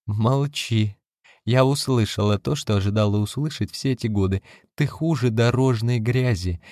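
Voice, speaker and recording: A man reading an audiobook, voicing a furious, defiant young wife who shouts scornfully and rises into shrill cries. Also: moderate pace, no echo, clean studio sound, close to an everyday voice. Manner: shrill, scornful, rising to screams.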